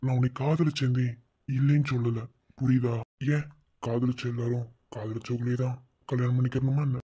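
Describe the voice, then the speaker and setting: A man's voice: medium pitch, flat delivery, normal speed, mellow, husky, highs cut off, close to an everyday voice. A man voicing a young village man in a cartoon who gives up his love, speaking firmly with a Madurai Tamil accent. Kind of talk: cartoon voice acting.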